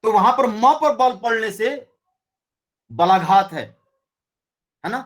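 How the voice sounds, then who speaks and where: A man teaching a Hindi grammar lesson, explaining slowly and often checking with his students. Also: high voice, lively intonation. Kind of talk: classroom lecture.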